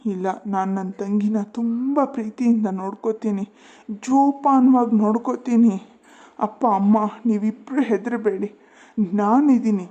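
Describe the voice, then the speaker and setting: Man voicing a small boy in a cartoon, earnest and protective of his sister, raised pitch, muffled lo-fi sound. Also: moderate pace, warm tone, lightly acted. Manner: earnest, pleading. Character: young boy, devoted older brother.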